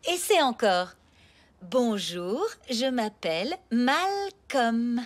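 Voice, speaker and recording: A gentle cartoon mother. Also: a little high, sing-song, normal speed, husky. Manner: gentle, coaxing. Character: patient mother of a schoolboy. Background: cartoon music.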